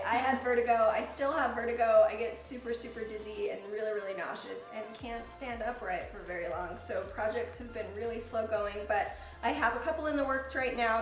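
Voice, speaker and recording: A woman co-hosting a casual chat to camera, bubbly and joking, given to exclamations. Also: fairly high pitch. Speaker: video creator, co-host. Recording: roomy echo, faint music behind.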